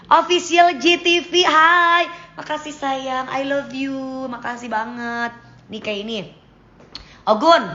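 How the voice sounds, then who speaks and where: A woman in casual chat with her followers, speaking bluntly, giving examples and lecturing, at times dropping to a quiet voice. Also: a little high, highs cut off. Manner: blunt, lecturing, gives examples, drifts between topics. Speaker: singer talking to her followers. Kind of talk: casual live-stream chat.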